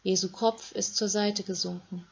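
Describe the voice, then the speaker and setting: A woman reading a Bible story aloud in a calm, measured way, with short phrases. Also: medium pitch, creaky, husky. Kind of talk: scripted Bible story narration for children.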